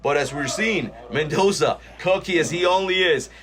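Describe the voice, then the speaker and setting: A man commentating on wrestling as an excitable lucha libre announcer, exclaiming at the action. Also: fairly high pitch, moderate pace. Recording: noisy recording.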